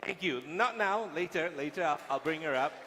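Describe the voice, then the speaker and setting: A man's voice: on the high side, animated, normal speed, sharp tone, slight background noise. A male guest lecturer speaking to police officers in a large lecture hall, joking with and teasing the audience. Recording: long hall reverb.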